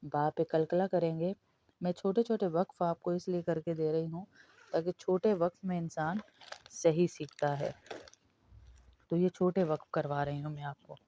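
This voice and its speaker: A woman teaching Quran recitation word by word, drawing out each word slowly and then explaining quickly. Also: lowish voice, steady tone, mellow, dull audio, slight background noise. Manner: slow drawn-out recitation alternating with rapid explanations.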